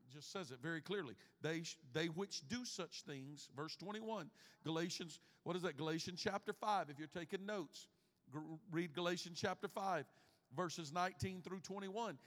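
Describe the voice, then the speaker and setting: A man in his fifties preaching a sermon as pastor, swinging from hushed lines to loud emphatic ones. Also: on the high side, normal speed. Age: 50s. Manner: preaching with big swings in loudness, from hushed to shouting. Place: church sanctuary. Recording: long reverb of a church hall.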